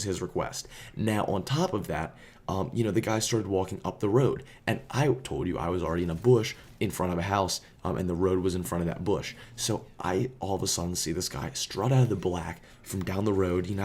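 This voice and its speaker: A man's voice: low-pitched, a little mellow. A man casually telling a story, rambling with lots of fillers. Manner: rambling, filler-heavy, laid-back. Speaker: storyteller and vlogger.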